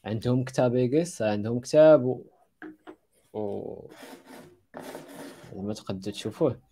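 A man's voice: mid-range voice, moderate pace, warm tone. A man with a Moroccan accent in a casual talk, hesitating and repeating words as he searches, mixing in English and French terms. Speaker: panel participant sharing recommendations. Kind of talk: casual talk about design resources.

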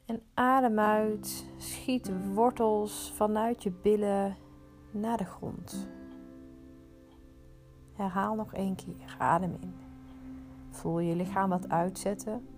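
Slow, mellow woman guiding meditation. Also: medium pitch, steady tone, faint music behind. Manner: soothing, unhurried instruction with pauses. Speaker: meditation guide. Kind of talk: guided meditation.

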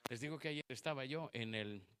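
A man preaching a sermon, swinging from soft, low storytelling to loud, emphatic declarations. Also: a little fast, smooth. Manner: tells a personal story with quoted dialogue.

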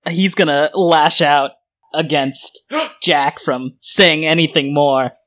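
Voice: medium pitch, fairly even intonation, slow pace, a bit bright. A game master casually narrating a tabletop game scene, full of "like" and "um". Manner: casual, filler-heavy narration with frequent "like". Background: background music.

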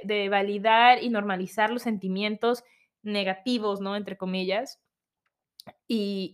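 Chatty woman podcaster, higher voice. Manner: chatty, tags remarks with rhetorical questions. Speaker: podcast host. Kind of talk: casual reflective monologue.

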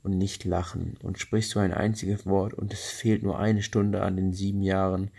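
A man's voice: low-pitched, level tone, normal speed, creaky, mellow, breathy edge, exaggerated voice. A man voicing a stern old wise woman of the forest in a fairy tale he reads aloud, solemn and a little raised in tone.

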